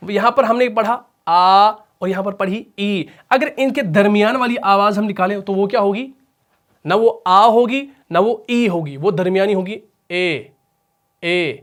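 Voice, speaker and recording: A man teaching a recitation class, explaining patiently and slowly, asking questions and answering them himself. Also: sits high, a bit bright. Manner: patient, slow and deliberate explanation. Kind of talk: explanatory lesson.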